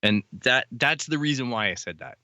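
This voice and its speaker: A man's voice: mid-range voice, lively intonation, moderate pace, pushed and bright, no room sound. A man co-hosting a podcast, chatting casually and enthusiastically as a fan, swearing now and then. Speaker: podcast co-host. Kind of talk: casual chat.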